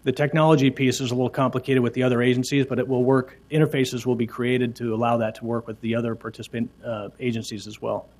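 Responding to questions from a council, a male city official explains a records system in a level, darkish mid-range voice. He hesitates often, stumbling through fillers and restarts.

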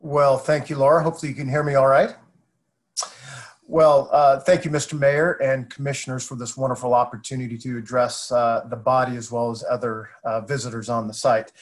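A man's voice: medium pitch, flat delivery, fairly quick. A man from a government agency giving a formal, courteous public address, speaking over a video call.

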